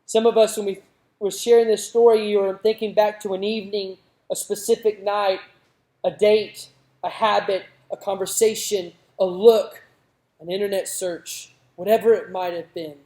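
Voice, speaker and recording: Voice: mid-range voice, fairly even intonation, moderate pace, dark tone. A youth pastor preaching a sermon in a conversational way that rises to emphatic moments. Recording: roomy echoing hall.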